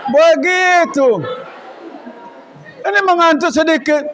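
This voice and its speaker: A man who leads an Indonesian boarding school, giving a religious lecture to students and acting out examples, at times loud, at times hushed. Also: very high-pitched, slow pace, a faint crowd, slight background noise. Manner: animated, acts out examples, shifts between loud and hushed. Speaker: Islamic boarding school leader.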